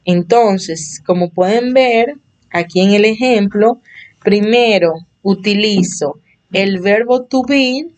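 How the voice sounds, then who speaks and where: Speaking slowly in a slightly mellow, medium-pitched voice, a woman teaches a basic English lesson in Spanish. She patiently explains and repeats examples for her students in an online class.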